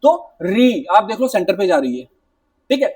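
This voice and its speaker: A man teaching a Hindi grammar class for exam preparation, explaining patiently and repeating checks like "right?", sounding out letters slowly. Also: sits high, very animated, darkish tone, no echo, recorded from a distance. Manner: explanatory, repetitive, mixes English words, says "ठीक है" and "है ना" often. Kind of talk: exam-prep classroom lecture.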